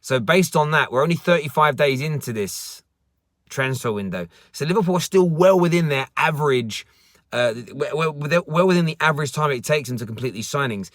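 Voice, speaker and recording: This football channel host, a young man, streams from his parked car and chats casually with viewers, repeating words and restarting sentences as he replies to comments. He sounds a little high, animated, fairly quick, and fairly bright. The audio is clean studio sound with no echo.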